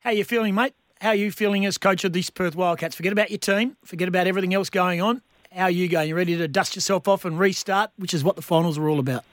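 A man's voice: sits high, fast talker, a bit bright, dry recording, clean studio sound. An Australian man hosting a sports radio interview in a matey, colloquial, blokey way.

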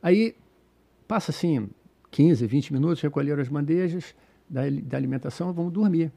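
A man's voice: on the high side, normal speed, gravelly. A man from Brazil telling a travel story in casual podcast chat, acting out the dialogue and laughing often. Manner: animated storyteller, acts out dialogue, laughs a lot. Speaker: group travel organizer telling stories.

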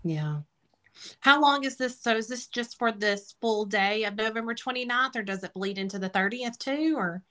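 A woman's voice: on the high side, lively intonation, moderate pace, a bit bright. A woman giving casual spiritual guidance as a forecast host, talking emphatically and straight to her listeners. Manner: emphatic, addresses listeners directly as y'all.

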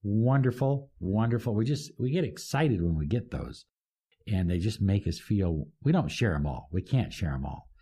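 A man hosting a motivational podcast, talking with enthusiastic, preacher-like emphasis and drawn-out phrases. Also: lowish voice, lively intonation, warm tone, breathy edge. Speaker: podcast host and life coach. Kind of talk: upbeat motivational podcast talk.

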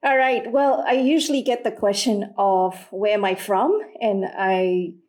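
A middle-aged Malaysian woman, a sales executive appearing as an interview guest, candidly tells stories about her career with frequent fillers. Her mid-range voice is steady, a little slow and darkish in tone.

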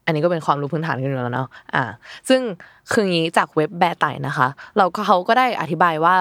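A woman's voice: deep voice, expressive, fast talker, fairly bright tone, no room sound, studio quality. A woman hosting a casual podcast, chatting and explaining facts with easy laughter. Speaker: host.

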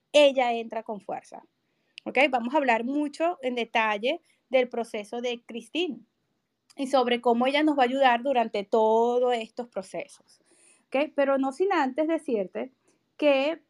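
A woman's voice: high voice, a little mellow. A woman giving an emphatic instructional talk as a trainer, often checking understanding with short tag questions. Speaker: real estate trainer and host. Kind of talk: instructional talk to real estate agents.

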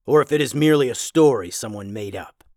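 A man voicing a towering, bookish male werewolf librarian who lectures in a measured way. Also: medium pitch, a little mellow, dry recording, clean studio sound, close to an everyday voice. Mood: lecturing.

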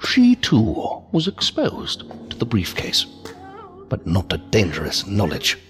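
This science fiction audio drama performance features a man whose voice sits on the low side, exaggerated and swinging hugely in pitch as he takes his time over music. His character is an inhuman interrogator disguised as a gentleman, a sinister, courtly, unhurried villain who speaks at length with theatrical, mannered, mocking politeness. He sounds mocking and menacing.

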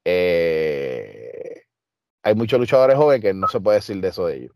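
Low-pitched, creaky and darkish, his voice has a sing-song lilt at normal speed in a dry, studio-quality recording. This Puerto Rican wrestler and trainer, speaking with a Puerto Rican Spanish accent, tells casual interview stories as a guest in an emphatic, streetwise way with lots of fillers.

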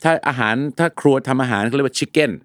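A man's voice: medium pitch, fast, fairly bright tone, dry recording, studio quality. A middle-aged man co-hosting a casual podcast as an English teacher, joking through mispronounced words. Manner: jokey, plays on mispronounced words.

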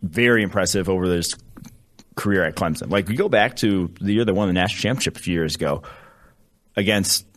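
A man's voice: low-pitched, a little fast, a bit bright. A man co-hosting a sports podcast, giving laid-back, rambling analysis in casual chat. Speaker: podcast co-host.

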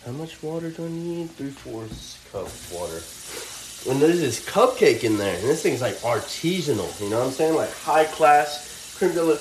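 A man's voice: on the high side, very animated, normal speed, slight background noise. A young man telling stories in a rambling, slangy, laid-back way while he cooks at home. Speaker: vlogger. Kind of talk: casual storytelling. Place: home kitchen, cooking. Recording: roomy kitchen with faint frying sizzle.

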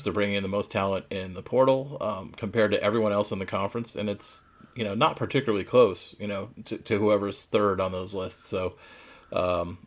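A man hosting a casual sports discussion in a loose, conversational way, often softening his points as he goes. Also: fairly low pitch. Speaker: sports podcast host.

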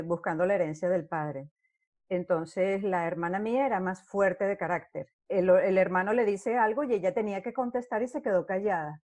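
Mellow-voiced actress. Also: female voice, mid-range voice, no room sound. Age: middle-aged. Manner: animated storyteller who acts out scenes. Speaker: actress, interview guest. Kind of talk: casual interview talk.

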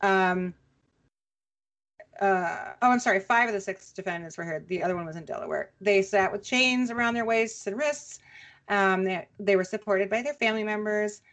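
A woman podcast co-host chatting casually and recapping news, with relaxed, hesitant pauses. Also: medium pitch. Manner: conversational, relaxed with many "um" pauses.

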